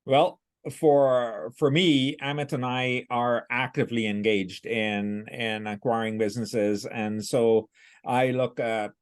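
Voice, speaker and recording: Slow-speaking middle-aged man guest. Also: medium pitch, fairly even intonation, clear, resonant tone. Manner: plain, explanatory, some restarts. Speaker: guest, business owner. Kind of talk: casual interview chat.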